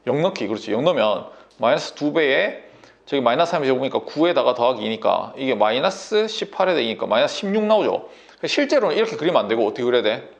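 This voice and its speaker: A man's voice: mid-range voice, big pitch swings, fast, gravelly. A man tutoring math at a whiteboard, talking bossy and casual and checking understanding constantly with a sore throat.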